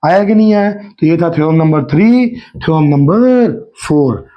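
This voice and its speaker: Male math tutor, slightly hoarse throat, fairly high voice, keeps checking the class understood, dull lo-fi sound. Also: expressive, normal speed. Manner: coaxing, keeps asking the class if they understood. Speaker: math teacher. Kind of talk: Hindi math lesson at a whiteboard. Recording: dull lo-fi recording.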